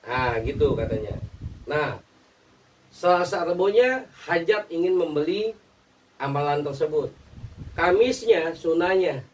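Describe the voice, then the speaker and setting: A man gives casual religious teaching, his voice sitting a little high for a man. He talks plainly, dropping small fillers and asking if everyone follows. The mic is set some way off, with a faint hiss of noise behind him. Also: expressive, measured pace, long pauses, a little mellow, recorded from a distance, poor audio. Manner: conversational, with frequent "ya" and "nah" fillers; checks that listeners follow. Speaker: Islamic spiritual teacher.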